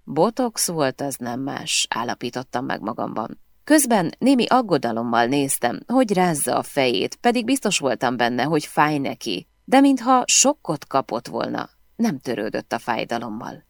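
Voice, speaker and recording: A woman narrates a crime novel in first person, her voice very deep yet lively in melody. The recording is close and dry, like a studio booth. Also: creaky, dry recording. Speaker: audiobook narrator.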